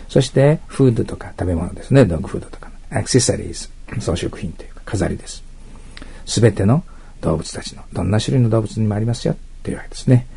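A man teaching an exam prep lesson, reading English phrases slowly and then explaining them in quick, patient asides. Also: lowish voice, creaky, mellow, slightly rough.

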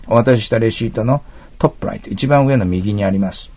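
Gravelly male english teacher, dark husky voice, walks thru exam questions step by step. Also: on the low side, fairly quick. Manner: explains step by step, asks listeners to mark text. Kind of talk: exam prep lecture.

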